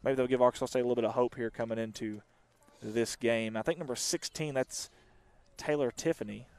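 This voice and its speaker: A man doing chatty, rambling live softball commentary outdoors. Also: mid-range voice, steady tone, brisk, clean tone, no room sound. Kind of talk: casual live sports commentary. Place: outdoor softball field on a windy day.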